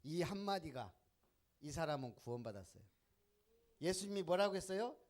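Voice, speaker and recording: A man's voice: a little high, big pitch swings, normal speed. A man preaching a sermon as pastor, asking the congregation questions and answering them himself.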